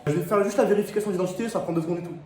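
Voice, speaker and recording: A man's voice: sits high, very fast, dark tone, a little hiss or hum. A young man from France telling a story in slangy casual talk, laughing and acting out the scenes. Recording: echoey room, mic at a distance.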